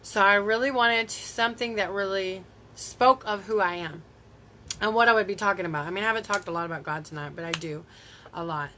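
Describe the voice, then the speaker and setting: A woman from Tennessee talks into her phone on a home live stream. She chats in a rambling, friendly way and answers her viewers as she goes. Her voice is bright and forward, with a faint hiss of room noise behind it. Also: medium pitch, brisk. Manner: chatty and rambling, laughs often, reacts to viewer comments. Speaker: beauty vlogger hosting a live stream. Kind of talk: casual live-stream chat.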